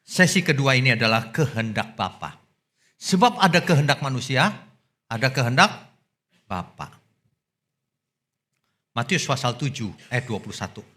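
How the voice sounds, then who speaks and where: Animated pastor preaching, bright voice. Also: male voice, moderate pace, pauses often. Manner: animated preaching, swinging from loud exclamations to low asides. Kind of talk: sermon. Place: church.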